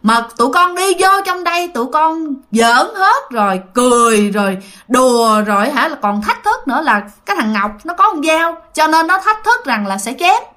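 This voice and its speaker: A kindly old spirit man, as a female storyteller puts him on, patiently scolding and guiding. The voice stays high and bright, with a lecturing, steady manner. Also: normal speed.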